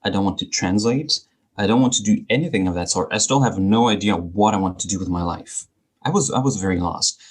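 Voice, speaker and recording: This is a conversational interview with a podcast guest, a speaking coach whose native languages are Greek and German. He speaks articulately and with wry humor, his voice on the low side, brisk and with a breathy edge.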